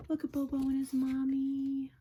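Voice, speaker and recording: A teacher reading a picture book aloud to young children, pausing to ask them questions and often dropping into a soft whisper. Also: female voice, on the low side, creaky, husky. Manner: gentle, asks listeners questions, drops to whispers. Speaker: teacher reading to her class.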